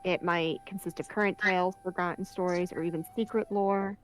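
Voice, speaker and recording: A woman with a slightly low voice talks casually as a player at a tabletop game. Faint music plays behind her. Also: fairly even intonation, brisk.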